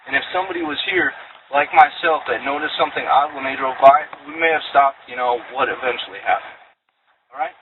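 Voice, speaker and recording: A man's voice: mid-range voice, a little fast, crowd noise. A man speaking as a border patrol agent, questioning someone at a roadside stop in an authoritative, insistent manner. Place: outdoors at a roadside vehicle stop. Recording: tinny phone-like sound, loud vehicle noise.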